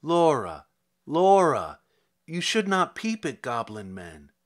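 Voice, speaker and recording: A man's voice: fairly high pitch, very animated, slow pace. A man voicing a cautious, anxious young maiden who pleads urgently in a dramatic poem reading. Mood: anxious pleading.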